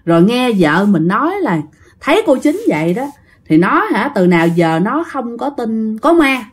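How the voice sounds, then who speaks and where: Female ghost story narrator, Southern Vietnamese accent, a bit high, talks straight to listeners. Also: very animated, moderate pace, husky. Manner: chatty, addresses listeners directly.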